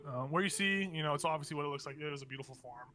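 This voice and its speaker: A man's voice: fairly high pitch, racing, pushed and bright, faint music behind. A man working as game master, casually narrating a tabletop role-playing session.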